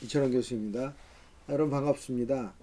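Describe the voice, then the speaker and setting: A man's voice: medium pitch, fairly even intonation, fast, mellow, a little hiss or hum. A man in his fifties, a professor, giving a reflective talk-style book review lecture with frequent hesitations. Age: 50s.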